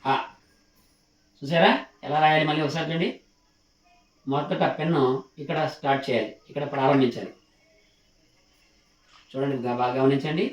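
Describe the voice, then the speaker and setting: In a room with noticeable echo, a man teaches the alphabet slowly, his fairly high voice keeping a fairly even intonation. He patiently repeats every sound and stops to question his learners as he writes.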